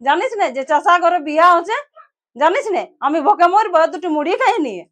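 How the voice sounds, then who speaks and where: A grumbling, middle-aged village mother-in-law with a Purulia Bengali accent scolds her idle daughter-in-law, played by an actress. She speaks in a very high voice, in a nagging, scolding tone. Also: animated, fast talker, a bit bright. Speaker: actor in a village drama.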